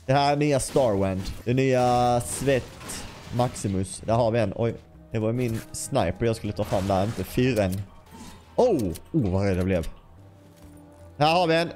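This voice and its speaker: A chatty man talks through his gameplay, addressing his viewers directly and tossing in light swearing. His voice sits at an ordinary middle pitch, with faint music playing underneath. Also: darkish tone. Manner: bursts into playful scatting and sound effects. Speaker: gaming YouTuber. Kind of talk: casual gameplay commentary.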